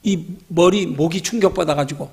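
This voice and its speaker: 성경공부 시간에 설교하는 남자 목사로, 반말로 청중에게 직접 말을 걸며 수사적 질문을 자주 던진다. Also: male voice, on the high side, normal speed, creaky, a little mellow, slightly rough. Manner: emphatic, talks directly to listeners in casual speech, rhetorical questions. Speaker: pastor. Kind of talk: Bible study sermon.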